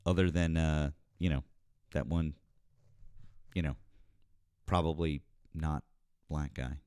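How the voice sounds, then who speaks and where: A man's voice: very deep voice, steady tone, slow pace, darkish tone, clear, resonant tone, no room sound, clean studio sound. A man hosting a live stream, chatting casually and often repeating words as he searches for them. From northeastern United States.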